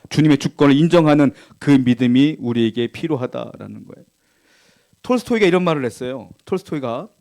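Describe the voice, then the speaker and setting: A man preaching as a pastor, asking the congregation questions, reading scripture aloud, and swinging between loud emphatic lines and quiet asides. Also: medium pitch. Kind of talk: sermon. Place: church.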